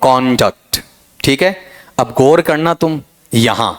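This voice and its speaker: Lively male English teacher. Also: normal speed. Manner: quizzing students with constant checks, "ok?"; lively, swings high and low in pitch. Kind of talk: exam-prep pronunciation lesson.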